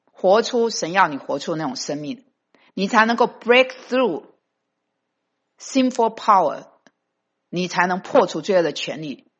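A woman's voice: mid-range voice, fairly bright tone, breathy edge. A woman preaching a sermon with emphasis, dropping English phrases into her talk. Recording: dull lo-fi recording.

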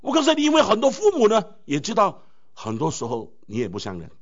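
Animated high-pitched male preacher. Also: quick pace. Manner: animated preaching with many rhetorical questions. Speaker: pastor. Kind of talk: sermon. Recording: dull lo-fi recording.

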